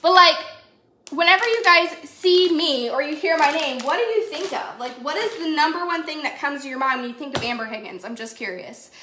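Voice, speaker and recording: With a high-pitched, expressive voice, brisk and sharp-toned, a young adult woman rambles and giggles through a live grocery haul for her viewers. She's at home in an echoey kitchen with faint noise, speaking into a phone camera held at arm's length.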